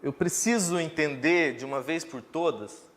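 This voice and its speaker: High-voiced, animated Brazilian preacher. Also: male voice, moderate pace. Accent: Brazilian Portuguese. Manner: animated, emphatic preaching with joking asides. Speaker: pastor. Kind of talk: sermon. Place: church congregation.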